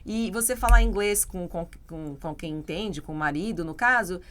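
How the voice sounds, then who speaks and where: A woman's voice: on the low side, normal speed, a little hiss or hum. A Brazilian woman English teacher co-hosting a podcast, chatting casually and explaining with examples and frequent tag questions.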